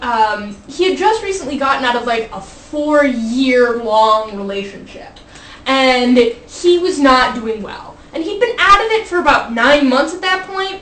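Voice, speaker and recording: A young woman with a high-pitched voice tells an informal funny anecdote. She rambles in a giggly way and often interrupts herself with asides. She is heard at a distance from the mic in a very echoey room. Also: a bit bright. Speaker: storyteller. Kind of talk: informal comic anecdote told to a live group.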